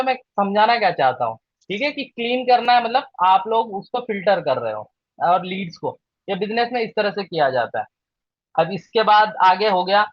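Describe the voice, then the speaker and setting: A man coaching trainees in a live session, talking directly and checking in often with a quick question. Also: high voice, dry recording, highs cut off. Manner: direct, coaching, repeats "ठीक है?". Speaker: digital marketing trainer.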